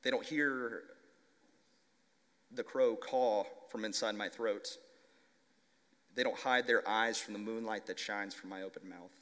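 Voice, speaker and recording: A young man who stutters, slowly reading a children's story aloud to a conference audience. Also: fairly low pitch, steady tone, fairly bright tone. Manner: stutters, slow deliberate reading. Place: conference hall. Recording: long reverb of a large hall.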